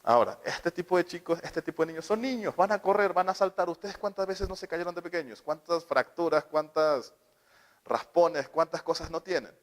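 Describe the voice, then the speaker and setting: A man with a fairly high voice gives a talk to parents on how children develop. He keeps asking his listeners questions and slips into short acted-out quotes to make his points. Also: moderate pace. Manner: asks the audience questions and acts out little quoted scenes.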